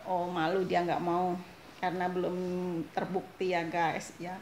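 A woman's voice: on the low side, little pitch movement, unhurried, a little mellow. Chatty Indonesian vlogger woman, echoey room. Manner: chatty, laughs often, keeps addressing viewers as guys. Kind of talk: casual vlog chat. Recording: echoey room, faint noise.

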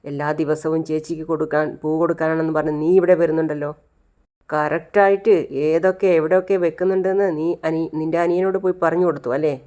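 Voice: mid-range voice, little pitch movement, fast talker, a little mellow, natural voice. A narrator voicing a harsh middle-aged mother who accuses and scolds insistently. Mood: scolding.

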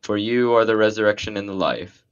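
Deep male priest, solemn liturgical delivery at a graveside, dull lo-fi sound. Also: a little fast, clean tone. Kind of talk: graveside committal prayer.

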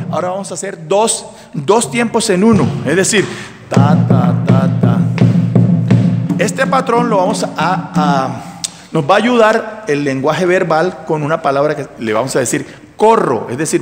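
A male music instructor leading a percussion class, counting out rhythms and chanting syllables for his students to follow. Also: fairly high pitch. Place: community hall. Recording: echoey hall with drums. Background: drums and percussion playing.

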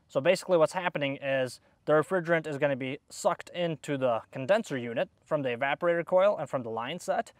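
Working outside on an AC unit, a young male HVAC technician gives a hands-on tutorial, explaining each step as he goes. He talks fast with few pauses in a higher-pitched voice, and no room sound is audible.

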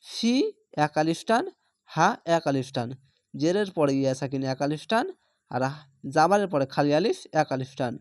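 A Quran reading teacher giving a slow, patient lesson, spelling out syllables one by one and then blending them into words. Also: medium pitch, lively intonation, a little mellow, dry recording, studio quality. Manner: patient, repeats words slowly for learners.

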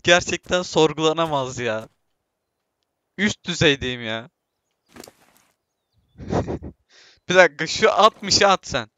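A man giving casual, self-mocking commentary while playing a game, talking to himself and his viewers and bursting into excited shouts. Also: on the high side, takes it slowly, long pauses, no echo. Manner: self-mocking, laughs often. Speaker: gameplay streamer.

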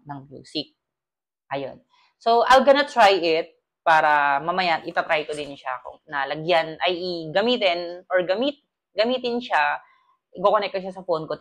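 A man's voice: on the high side, fairly bright tone. A young man from the Philippines in his twenties chatting casually through a product unboxing review, calling viewers "guys" and mixing Tagalog with English, recorded on a lapel mic in a small home kitchen. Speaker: vlogger.

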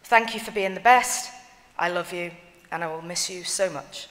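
A woman reading written family tributes aloud at a funeral service, in a measured, solemn way. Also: lowish voice, fairly bright tone. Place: church. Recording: long church reverb.

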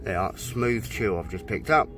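A British man with a fairly low, expressive voice talks over music as he shows off his boat stereo outside at a dry stack. It's a casual, hands-on demo, and he stays chatty and unhurried, reading menu items aloud as he goes.

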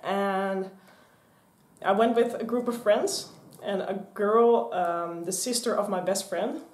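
A Dutch vlogger in her twenties chats to a camera on a stand in a small indoor craft room lined with shelves and mannequins. Her medium-pitched voice moves slowly as she rambles in an animated way, gesturing a lot. The room sounds echoey.

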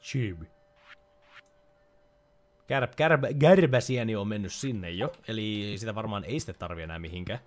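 A man's voice: on the low side, long pauses. A young man giving casual let's-play commentary, chatty and joking as he reads game lines aloud. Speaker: gaming YouTuber.

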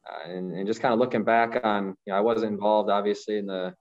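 This professional goalkeeper, from a small room with a branded backdrop, takes press questions on a masked, lo-fi video call that sounds slightly dull. His very low voice keeps a steady tone and carries the speech of an Ohio pro athlete. Measured and full of fillers, he often starts over and repeats words as he collects his thoughts.

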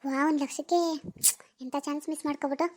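A woman voicing a teasing young village wife in a cartoon, coaxing and quick. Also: high voice, steady tone, slight background noise, close to an everyday voice. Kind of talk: cartoon voice acting.

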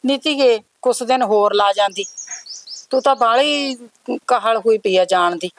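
A woman's voice: a little high, unhurried, slight background noise, close to an everyday voice, low-quality recording. A woman with an Indian Punjabi accent playing a caring family mother who soothes her daughter. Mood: coaxing. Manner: coaxing, motherly. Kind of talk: village family short film acting.

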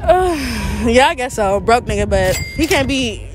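A woman's voice: on the high side, big pitch swings, a little slow, crowd noise. A young woman answering a street interview at night, blunt and laughing as she explains herself. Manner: blunt, laughing, independent talk. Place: outdoor parking lot at night.

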